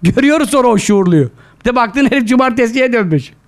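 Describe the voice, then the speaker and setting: Animated high-voiced male preacher. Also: fast talker. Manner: animated, scolding, fond of rhetorical questions; mixes quoted Arabic scripture into his talk. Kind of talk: sermon to a live gathering.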